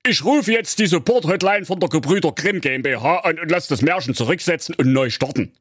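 A man's voice: on the high side, expressive, fairly quick, a bit bright, husky, no echo, clean studio sound. A man playing a bossy, hot-tempered male donkey who leads a band in a comedic radio play. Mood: exasperated. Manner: bossy, blustering.

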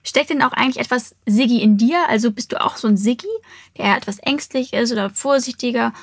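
Female host, fast talker, breathy, fairly high, dry sound. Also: no echo. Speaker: podcast host. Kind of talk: casual interview.

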